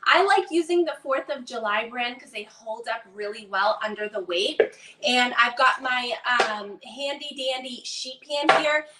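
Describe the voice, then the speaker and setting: A woman's voice: fairly high pitch, pushed and bright. A woman with a Boston accent doing a chatty, upbeat live cooking demonstration in a home kitchen. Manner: upbeat, chatty, talks to viewers while working. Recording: echoey kitchen, mic at a distance.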